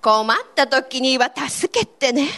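A woman with a playing an excitable, out-of-breath country pilgrim in a church skit. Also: sits high, takes it slowly, full character voice. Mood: chatty. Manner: gushing, squealing, chatty.

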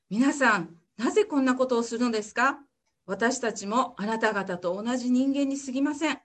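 A woman reading a Bible passage aloud in church, steady and careful, then praying. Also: on the high side. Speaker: scripture reader.

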